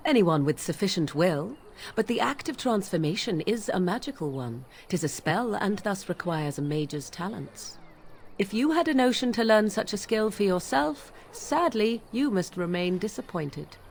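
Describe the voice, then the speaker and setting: A woman's voice: medium pitch, animated, normal speed, creaky, slight background noise. An actress playing an aloof, sardonic young witch and shapechanger, speaking in haughty, formal, archaic phrasing in video game dialogue. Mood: lofty.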